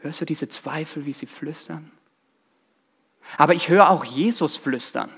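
A man delivers a sermon in a somewhat high, husky voice. He is emphatic, repeats his key phrases and speaks straight to his listeners. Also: unhurried, a bit bright. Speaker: preacher.

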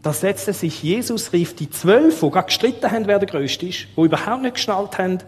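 A man with a Swiss German accent preaching a sermon, lively, putting rhetorical questions to his listeners. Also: sits high, brisk, in a large hall.

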